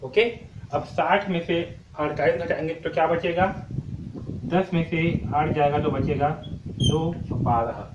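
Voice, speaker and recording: A man's voice: a little high, a little slow. A male maths teacher working through a problem step by step, asking himself questions and checking in with "ठीक है" all the time. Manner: repeats questions and answers them himself, frequent "ठीक है" checks. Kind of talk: step-by-step board lesson. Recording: echoey room, distant mic, muffled sound, noisy.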